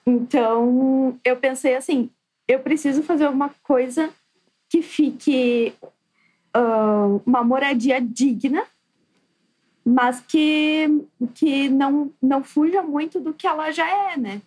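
A woman with a soft, near-whispering voice, chatting casually as a guest. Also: high-pitched, fairly even intonation, takes it slowly. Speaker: guest, architect. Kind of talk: casual chat.

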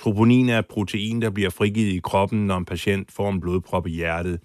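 A man's voice: deep voice, level tone, a little mellow, no echo, studio quality. A man telling a true story as host in scripted documentary narration, acting out the quoted lines with drama. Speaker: podcast host and foreign correspondent.

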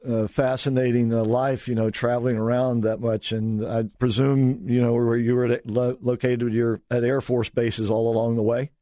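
A man hosting a radio talk show, interviewing guests in a halting, restarting way. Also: mid-range voice, flat delivery, dark tone, no echo.

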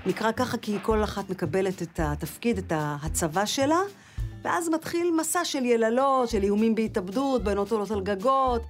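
A woman's voice: medium pitch, soft background music. A woman comedian telling wry army stories, with squealing impressions of crying recruits. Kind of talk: comic storytelling.

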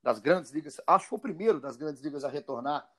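A man's voice: on the high side, lively intonation, fast talker, pushed and bright. A man with a Brazilian accent hosting a casual football show in a chatty, informal, emphatic way. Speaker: sports podcast host.

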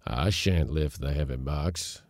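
A man voicing a gruff old servant who growls and grumbles. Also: very deep voice, unhurried, no room sound, studio quality. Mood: grumbling. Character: gruff old male servant carrying a heavy box.

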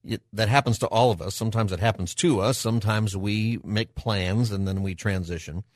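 A man's voice: lowish voice, normal speed, dry recording, studio quality. A middle-aged man hosting a live radio talk show in a conversational way, with a showman-like announcer manner.

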